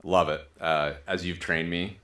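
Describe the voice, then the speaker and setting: A man with a deep voice hosts a podcast interview. He speaks in a conversational way. The sound is roomy, with audible echo around his voice. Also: flat delivery, a little slow, pushed and bright. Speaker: podcast host.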